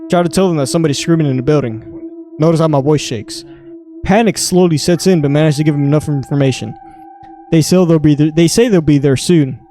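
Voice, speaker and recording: A man's voice: a little high, fast talker, mellow. A young adult man hosting a podcast, casually reading online stories aloud in a crude, joking way. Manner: crude, joking, reads in clipped green-text style. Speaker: podcast host.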